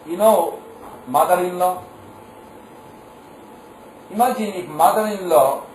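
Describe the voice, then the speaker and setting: High-voiced preacher in an echoing hall. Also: male voice, darkish tone. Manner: keeps quizzing the audience with questions. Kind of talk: devotional sermon to a live audience. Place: large gathering hall. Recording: echoey hall, distant mic, faint noise.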